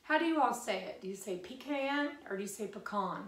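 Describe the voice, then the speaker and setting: A woman's voice: mid-range voice, expressive, racing, echoey room, recorded from a distance. An older woman from the Missouri Ozarks, chatting her way through a home cooking demonstration with folksy, rambling asides. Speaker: cooking video host.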